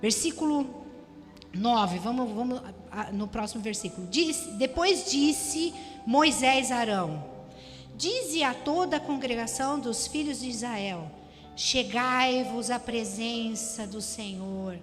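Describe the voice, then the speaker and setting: A woman's voice: on the high side, takes it slowly. A Brazilian woman preaching a sermon to her congregation, repeating phrases and exhorting the listeners. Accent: Brazilian Portuguese. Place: church hall. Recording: church hall reverb with music.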